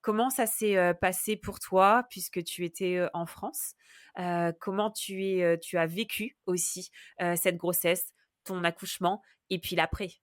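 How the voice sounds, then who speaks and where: A woman's voice: on the low side, steady tone, unhurried, no room sound, studio quality. A woman hosting a podcast interview, speaking with many hesitations and encouraging her guest. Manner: hesitant, frequent fillers; encouraging backchannel. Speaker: podcast host.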